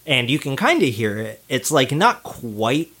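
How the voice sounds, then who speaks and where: A man's voice: mid-range voice, big pitch swings, unhurried, sharp tone. A man co-hosting a podcast in casual chat, laid-back, laughing often and swearing now and then. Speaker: podcast co-host.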